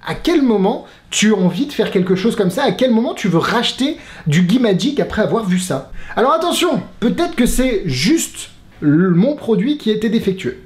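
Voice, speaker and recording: A man's voice: high-pitched, big pitch swings, moderate pace. A man reviewing a magic trick in casual spoken French, exasperated, swearing and laughing as he talks. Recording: roomy echo.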